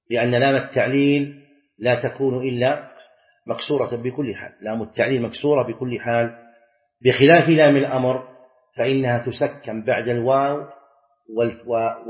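A man's voice: medium pitch, fairly even intonation. Man, scholar lecturing, quizzes students, echoey room, muffled recording. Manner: recites verses slowly, quizzes students with short questions. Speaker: Islamic scholar teaching a class. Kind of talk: classroom lecture on Arabic grammar and scripture.

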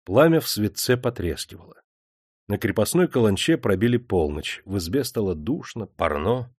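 A man reading a novel aloud as narrator, in a measured storytelling voice. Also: fairly low pitch, animated, a little mellow, breathy edge, no echo, clean studio sound. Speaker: audiobook narrator. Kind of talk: scripted narration.

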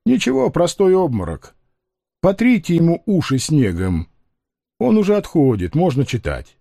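A man voicing an uneasy, hurried male official, hesitant in tone. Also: on the high side, huge pitch swings, creaky, warm tone, no room sound, clean studio sound, pitched above the performer's own voice, exaggerated voice.

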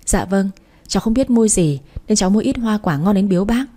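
A woman reading the part of a young mistress, politely deferential but defiant, in a mellow, dark voice. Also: mid-range voice, expressive, fairly quick, close to an everyday voice.

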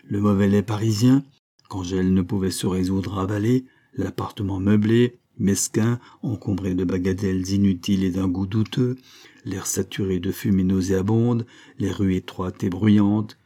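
Male audiobook narrator, dark and husky, measured novel reading. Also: deep voice, fairly even intonation. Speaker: audiobook reader.

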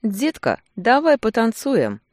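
A woman's voice: fairly high pitch, wildly swooping pitch, slow, no echo, clean studio sound, voice pushed up, full character voice. A woman voicing a drunk, aggressive young male street thug in an audiobook, with a taunting, slurred delivery.

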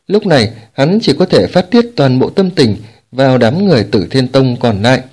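Male audiobook narrator for a fantasy novel, steady and even-paced reading, rising briefly for shouted lines. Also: medium pitch, normal speed, breathy edge.

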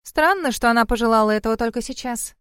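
Женщина озвучивает игривую семихвостую лисицу-духа из аудиокниги, которая дразнит и смеётся. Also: female voice, fairly high pitch, fast, a bit bright, smooth, dry recording, clean studio sound, pitched above the performer's own voice, lightly acted. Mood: teasing. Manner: teasing, laughing, mocking. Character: playful seven-tailed female fox spirit. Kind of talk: audiobook reading.

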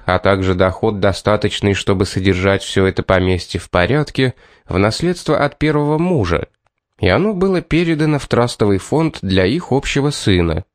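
A man narrating an audiobook as a reader, with an even, steady delivery. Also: medium pitch, dry recording, studio quality. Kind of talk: scripted narration.

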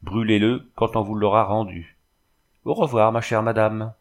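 A man voicing a gentle, wry village priest. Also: on the low side, fairly even intonation, normal speed, close to an everyday voice. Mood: gently wry.

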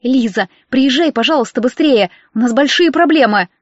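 Woman voicing an anxious, high-strung young sister. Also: expressive, normal speed, dry recording. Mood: urgent. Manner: urgent, pleading, high-strung. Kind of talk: audiobook character reading. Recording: dry, dull lo-fi audio.

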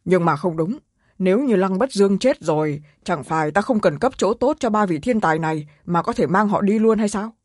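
A man's voice: sits high, animated, fairly quick, dry recording. A man voicing a shaken middle-aged sect master in an audiobook, speaking in agitated exclamations over a dry, close sound. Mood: disbelieving. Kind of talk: audiobook character reading.

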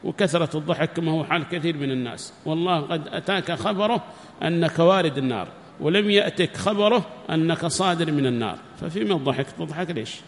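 A man's voice: a little high, fast. A man giving a religious lesson, speaking emphatically with repeated phrases and rhetorical questions. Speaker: religious teacher. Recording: long reverb with faint background noise.

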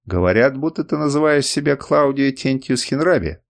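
A man voicing a cruel, scheming male ruler who speaks in a booming, commanding way in an audiobook. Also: animated, moderate pace, creaky. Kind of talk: audiobook reading.

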